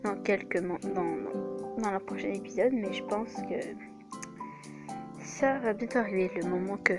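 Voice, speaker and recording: A woman playing through a story game, reading it aloud and reacting in an excitable way, laughing often and protesting loudly. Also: medium pitch, unhurried, music in the background. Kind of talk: let's play, reading choices and reacting.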